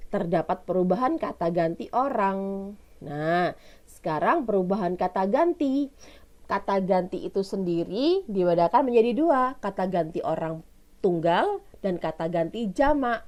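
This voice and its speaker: A woman's voice: medium pitch, a little mellow. A woman teacher with an Indonesian accent giving a recorded lesson, explaining step by step and asking her pupils questions she answers herself.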